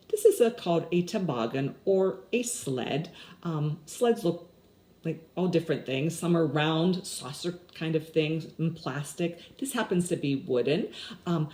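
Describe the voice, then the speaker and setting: With a low, darkish voice, this woman in her sixties leads story time for kids, asking them questions and explaining in plain terms. The small indoor room has window blinds, and the audio carries a roomy echo plus clear background noise.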